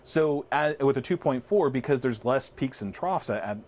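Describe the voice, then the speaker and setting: A man's voice: medium pitch, expressive, normal speed, darkish tone. Man casually explaining networking. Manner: explains step by step, frequent restarts. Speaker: webinar co-host.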